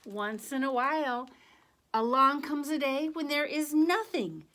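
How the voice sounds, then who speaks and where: Speaking to young listeners, a children's story reader works through a picture book with deliberate, expressive delivery and chatty side comments. Her voice is on the high side.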